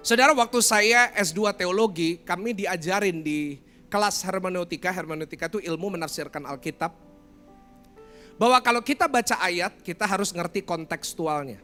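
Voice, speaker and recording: A middle-aged man preaching a livestreamed sermon, animated, acting out different tones of voice. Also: high voice, normal speed, soft background music. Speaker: pastor.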